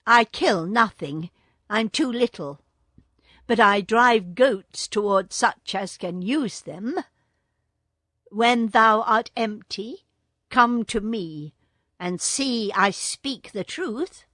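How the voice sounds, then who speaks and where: A woman's voice: fairly high pitch, slow pace, a bit bright, no echo, clean studio sound, voice pushed up. A woman voicing Mowgli, an earnest young boy raised by wolves, speaking in an eager, raised voice.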